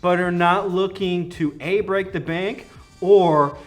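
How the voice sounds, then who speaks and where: A man with a high voice speaks at a slow pace in a steady tone. As a company product representative, he enthusiastically explains a product in a conversational interview while music plays behind him.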